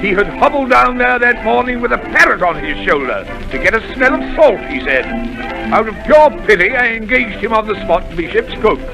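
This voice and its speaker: An actor playing a boastful, excitable country squire in a 1930s radio drama, talking in a theatrical, exclaiming way. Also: male voice, high-pitched, fairly quick, vocal fry, over music, heavily acted, rough recording. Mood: excited. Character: blustering, boastful middle-aged country squire.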